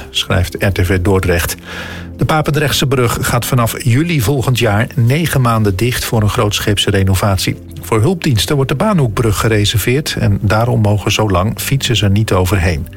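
A man with a Netherlands Dutch accent delivers a scripted news bulletin in a fairly low voice. He reads as a radio newsreader, with some music running underneath. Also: vocal fry. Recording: music bed behind the voice.

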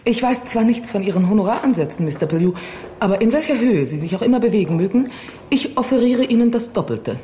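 An actress playing a poised, haughty film star in a German radio crime drama, speaking in a formal, measured, self-assured way. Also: female voice, medium pitch, lively intonation, mellow, a little hiss or hum, close to an everyday voice. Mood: poised, businesslike.

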